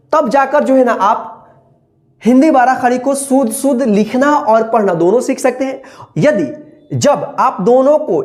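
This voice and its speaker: A woman's voice: on the high side, darkish tone. A woman teaching Hindi vowel signs, patiently repeating each syllable and explaining step by step. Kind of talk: slow step-by-step reading lesson.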